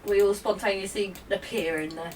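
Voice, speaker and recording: A woman's voice: mid-range voice, steady tone, a little fast, darkish tone. Distant, noisy-miked woman playing tabletop. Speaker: tabletop game player. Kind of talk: casual game chat.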